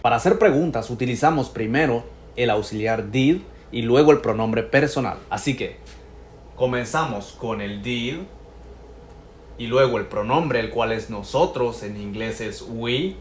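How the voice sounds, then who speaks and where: Slow, patient male English teacher. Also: medium pitch, reverberant, slight background noise. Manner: slow, patient, repeats each example slowly. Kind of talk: explaining Spanish-to-English grammar lesson.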